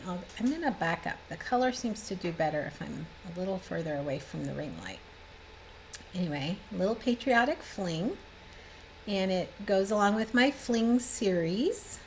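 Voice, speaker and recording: In a mid-range voice, a slightly congested woman in her fifties chats and rambles cheerfully while showing her cross-stitch projects. She's a designer and vlogger filming casually at home in a room with bookshelves. The poor audio has a little hiss or hum.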